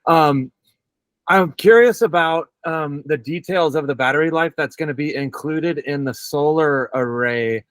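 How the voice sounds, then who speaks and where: A man from California asking a question on a video call in a friendly, measured way. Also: on the high side, dry recording. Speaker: caller.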